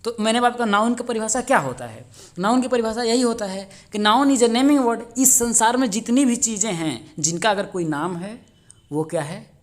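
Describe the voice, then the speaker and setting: A man's voice: sits high, moderate pace. Man quizzing students on exam answers. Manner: keeps asking the answer back as a rhetorical question; friendly, addresses viewers as friends. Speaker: exam-prep teacher on a video channel. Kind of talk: explaining exam answers step by step.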